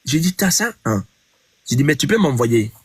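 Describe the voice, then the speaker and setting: This Guinean singer has a medium-pitched, sing-song, slightly rough voice and speaks at an ordinary pace with no room sound. Telling an interviewer the story of a song dispute, he reenacts every conversation and keeps stressing "j'ai dit".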